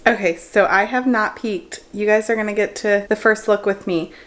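A woman's voice: mid-range voice, steady tone, normal speed, over music. A young woman chatting casually through a bake-along vlog in her home kitchen, thinking aloud and poking fun at herself. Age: young adult. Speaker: lifestyle vlogger. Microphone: camera at close range.

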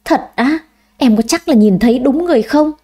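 Woman reader playing a reproving senior employee in an audio story, mellow. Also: high-pitched, expressive, a little fast. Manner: hushing, reproving.

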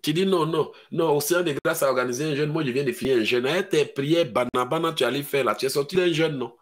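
A male pastor with an Ivorian French accent preaching a fiery sermon. He swings between shouted exhortation and low, mocking imitations of doubters. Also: fast talker.

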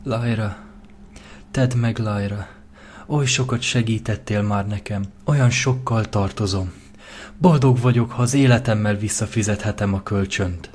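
Give me a faint, gentle young pony mare, voiced by a man in an audio fanfiction reading. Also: fairly low pitch, lightly acted. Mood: resigned. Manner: faint, soft-spoken.

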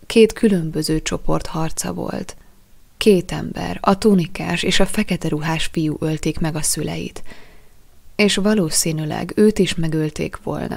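A woman with a low, slightly gravelly voice narrates an audiobook. Her reading is measured and expressive, carrying the story forward at an even pace. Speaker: audiobook reader.

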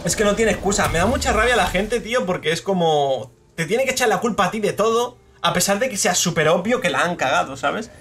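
Excitable young Spaniard ranting over gameplay. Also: male voice, high voice, a little fast, few pauses. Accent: Spain Spanish. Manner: excitable, swears, frustrated rants at teammates. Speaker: gaming streamer. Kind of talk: live gameplay commentary.

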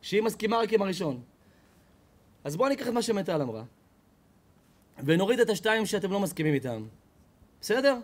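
A rabbi delivers a spirited sermon in a high voice. He tells stories to his audience and swings between loud outbursts and low asides. The man talks with a preacher's flair. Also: pauses often. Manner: expressive storyteller, acts out quoted people with loud high shouts. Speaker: rabbi giving a Torah class. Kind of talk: animated sermon.

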